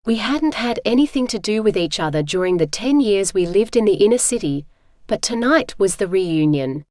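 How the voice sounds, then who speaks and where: A synthetic woman's voice reading a first-person audiobook in a steady, even manner. She has a middle pitch, and the sound is dry and close with no room around it. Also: moderate pace, no echo. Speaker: audiobook narrator. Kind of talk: scripted first-person narration.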